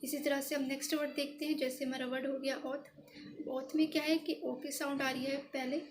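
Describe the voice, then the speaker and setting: A woman's voice: high voice, little pitch movement, a little fast, noisy background. A woman explaining a shorthand lesson step by step, patient and repetitive, pointing out each stroke. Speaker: shorthand teacher.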